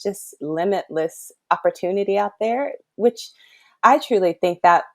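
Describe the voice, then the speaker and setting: A pediatric kidney doctor in her thirties from the south suburbs of Chicago speaks at a measured pace, her medium-pitched voice animated and touched with vocal fry. As a casual interview guest, she is earnest and thoughtful, with frequent, easy laughter.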